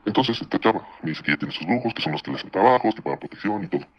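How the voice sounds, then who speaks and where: A man with a Mexican accent telling a personal story in casual podcast chat, speaking rapidly and conversationally. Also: sits low, lively intonation, husky, muffled recording. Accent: Mexican Spanish. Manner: rapid, conversational, slips into voices for quoted people.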